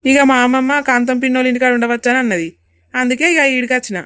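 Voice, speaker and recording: A woman voicing a polite young village boy with a Telangana Telugu accent, speaking earnestly in an animated comedy. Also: high voice, fast talker, clean tone, no room sound, studio quality. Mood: helpful.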